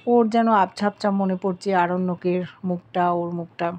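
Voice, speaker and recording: Woman, serial episode recap, plain storytelling voice, steady retelling. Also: fairly low pitch, normal speed.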